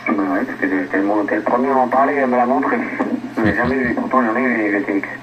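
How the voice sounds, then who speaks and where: A man's voice: medium pitch, quick pace, muffled recording. Man in his forties over CB radio. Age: 40s. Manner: easygoing, swears casually. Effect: heard over CB radio. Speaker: CB radio operator. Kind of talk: casual radio chat. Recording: hissy CB radio signal.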